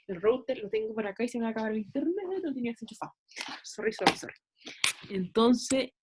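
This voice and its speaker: A woman giving an online class, explaining with examples and checking in with frequent tag questions. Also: on the high side. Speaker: nutrition lecturer.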